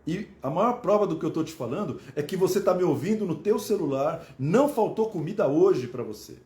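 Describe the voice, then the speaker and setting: A man's voice: sits high, lively intonation, a little fast, warm tone, roomy sound. A man preaching a sermon, asking his listeners questions and repeating phrases for emphasis.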